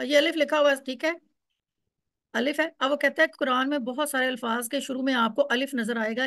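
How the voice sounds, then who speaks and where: A woman's voice: sits high, a bit bright, no echo, clean studio sound. A woman teaching a class, explaining step by step and repeating words so students can follow. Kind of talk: online Quran Arabic class.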